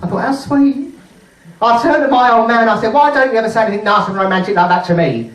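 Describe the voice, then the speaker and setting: Performing as a pantomime dame, a saucy middle-aged widowed nurse, a man with a high, rather bright voice tells stories in mock-mournful stand-up, landing jokes with deliberate pauses. It's an indoor charity show with a live audience, picked up by a distant microphone in a roomy venue.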